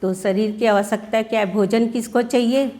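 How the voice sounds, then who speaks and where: A woman's voice: a little high, steady tone, normal speed, warm tone. Woman, schoolteacher, workshop talk, asks questions, acts out children's replies. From India. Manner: explains with questions, often adds "है ना?". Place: workshop session.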